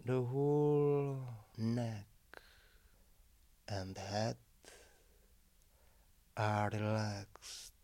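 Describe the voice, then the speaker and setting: A man guiding a relaxation meditation, giving calm, measured instructions in short phrases with long pauses between them. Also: lowish voice, no room sound.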